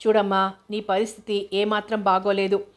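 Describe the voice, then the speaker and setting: A woman's voice: mid-range voice, monotone, moderate pace, natural voice. A woman reading aloud as a middle-aged male doctor who lectures and advises. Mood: lecturing.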